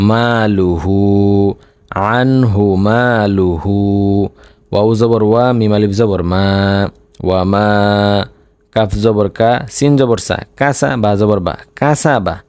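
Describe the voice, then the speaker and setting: A man with a Bangladeshi Bengali accent teaches Quran reading, spelling out each syllable and then reciting it slowly. His voice is fairly low and darkish, with no room sound.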